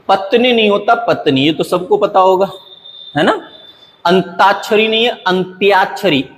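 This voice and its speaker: A man's voice: fairly high pitch, in a large hall. A man teaching Hindi spelling for exam preparation, patiently drilling correct and wrong forms of words one by one. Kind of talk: exam-prep spelling lesson.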